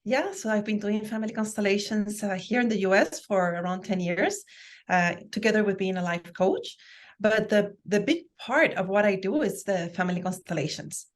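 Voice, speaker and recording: Speaking at a moderate pace with lively intonation in a mid-range voice, a woman from Guatemala recounts her story as an interview guest. She's a life coach and family constellations practitioner, and her manner is enthusiastic, emphatic and conversational.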